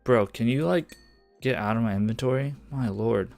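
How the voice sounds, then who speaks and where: A man's voice: mid-range voice, moderate pace, creaky, a little mellow, no echo. A man streaming a survival game, chatting casually and muttering to himself, now and then swearing under his breath when things go wrong. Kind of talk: casual gameplay commentary. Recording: lofi music faint behind.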